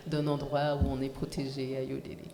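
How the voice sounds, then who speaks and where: A woman from Togo with a low voice hosts a relaxed podcast chat, sliding between French and English and pausing on many fillers. Faint room ambience sits behind her. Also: slight background noise. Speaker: podcast host. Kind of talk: casual bilingual interview.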